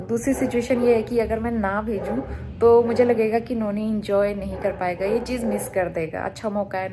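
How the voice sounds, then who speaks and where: Home vlogger, woman, casual chat to camera, thinks out loud, light background noise. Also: mid-range voice. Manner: chatty, thinking out loud with pauses.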